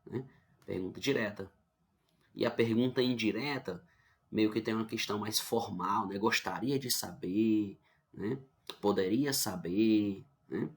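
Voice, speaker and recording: A man's voice: lowish voice, a little slow. A male teacher with a Brazilian accent giving an online grammar lesson, explaining patiently and often checking in with his students. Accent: Brazilian Portuguese.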